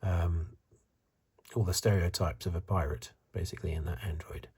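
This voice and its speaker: A soft-spoken man gives ASMR review commentary in a deep, dark, very breathy voice that often drops to a whisper. He muses hesitantly and conversationally, as if thinking aloud, with a steady tone and moderate pace.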